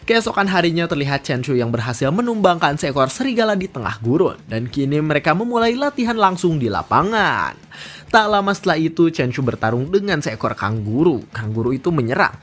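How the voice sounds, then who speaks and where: A narrator retelling a manhwa story in a scripted read. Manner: steady storytelling read with lively pitch.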